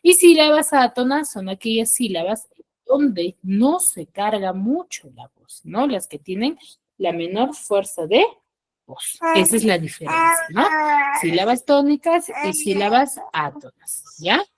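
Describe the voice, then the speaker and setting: A woman's voice: fairly high pitch, very animated, a little slow. Woman teacher peppering her lecture with "¿ya?". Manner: explains step by step, checks in with frequent "¿ya?"; rising emphatic questions answered by herself. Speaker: school teacher. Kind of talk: online class lecture.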